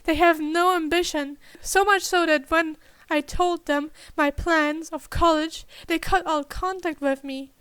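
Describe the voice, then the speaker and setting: A woman's voice: extremely high pitch, steady tone, unhurried, fairly bright tone, no echo. Brief: self-important male kidnapper doctor, read by a woman, huffy, dry close sound. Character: pompous male villain doctor, indignant.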